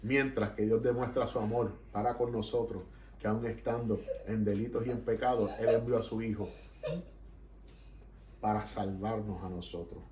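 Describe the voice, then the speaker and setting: This pastor's fairly low, slightly mellow voice holds a steady tone at a moderate pace while he preaches fervently and emphatically, switching between Spanish and English in a Puerto Rican accent. The echoey room, far-off mic and slight background noise shape the recording.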